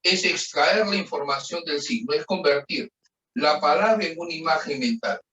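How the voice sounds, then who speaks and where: A man with a Chilean accent teaching an online class, explaining patiently and checking in with frequent questions. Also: fairly high pitch. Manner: drills answers in slow, even call-and-response. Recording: roomy, distant from the mic.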